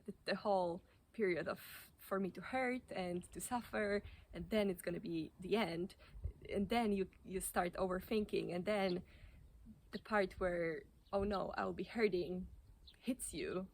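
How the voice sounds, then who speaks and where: A woman giving informal running advice in a halting, hesitant way, often restarting her sentences. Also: lowish voice, gravelly, slight background noise. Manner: hesitant, halting delivery with repeated self-corrections. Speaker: running coach or athlete giving tips. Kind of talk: informal advice talk to camera.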